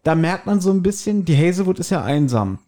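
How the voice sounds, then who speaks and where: A man's voice: high voice, very animated, brisk, warm tone. A man co-hosting a casual podcast chat, retelling scenes and slipping into quoted lines. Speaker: podcast co-host. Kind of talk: casual chat about a radio play.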